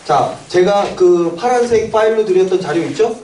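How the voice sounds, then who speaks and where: A man with a fairly high, mellow voice gives a quick seminar lecture to academy owners. He keeps asking questions and answering them himself. He is recorded from a distance in an echoey room. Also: lively intonation, a little hiss or hum.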